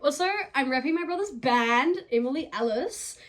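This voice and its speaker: A young woman from Dunedin, New Zealand, tells a story as a vlogger, casual and chatty and full of informal slang. Her voice is high and fairly bright at a moderate pace, with slight background noise and her New Zealand accent clear.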